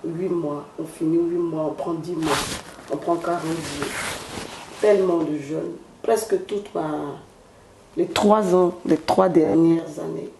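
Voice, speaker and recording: A woman's voice: low voice, steady tone, vocal fry, roomy sound, noisy background. A singer, giving a solemn, devotional testimony in an interview at her home. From Côte d'Ivoire. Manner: slow, solemn, devotional phrasing. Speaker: gospel singer, interview guest.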